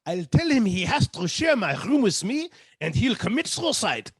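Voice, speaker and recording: A woman playing a droll, obliging male professor with a husky voice in a 1940s-style radio comedy. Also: mid-range voice, very animated, normal speed, dry recording.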